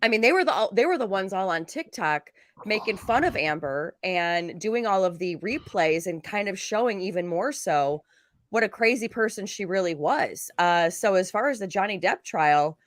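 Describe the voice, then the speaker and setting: A woman's voice: medium pitch, lively intonation, moderate pace, no room sound. A woman chatting casually on a panel in a rambling, conversational way.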